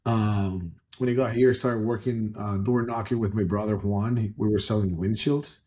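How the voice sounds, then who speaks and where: A man, speaking as a guest in a fairly low, mellow voice. He talks earnestly and loosely, circling back and restarting his sentences as he tells his story. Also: fairly even intonation, normal speed, a little hiss or hum. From Ecuador. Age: 30s. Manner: earnest, rambling, many restarts and "like" fillers. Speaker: guest entrepreneur. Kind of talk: casual conversational storytelling.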